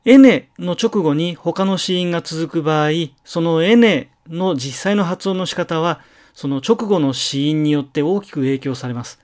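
A middle-aged man giving a slow, methodical language lecture, with careful demonstration pronunciations. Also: fairly high pitch, a little mellow. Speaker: language teacher.

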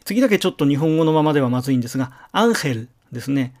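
A middle-aged male teacher lectures at a slow, measured pace, voice sitting a little high for a man. He breaks off to pronounce example words with care before going on. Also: expressive, darkish tone. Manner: slow, methodical, with careful demonstration pronunciations. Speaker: language teacher.

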